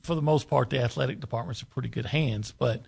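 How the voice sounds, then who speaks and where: A man's voice: mid-range voice, fast, vocal fry, a little mellow, husky. A man co-hosting a sports radio show from a studio, chatting in an enthusiastic, folksy way. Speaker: radio co-host. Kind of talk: casual sports radio chat. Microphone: studio mic.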